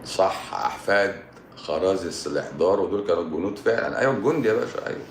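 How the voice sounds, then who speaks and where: A man's voice: deep voice, animated, rapid-fire, vocal fry. A man with an Egyptian Arabic accent hosting a casual livestream, reading viewer comments, joking, chuckling and repeating his phrases. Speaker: live-stream host answering viewer comments. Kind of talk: casual live-stream chat. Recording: echoey room with background noise.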